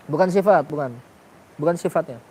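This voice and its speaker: A man's voice: a little high, brisk, warm tone, a little hiss or hum. A man teaching a class on Quranic pronunciation, questioning his students and sounding out letters for them. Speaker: tajwid teacher.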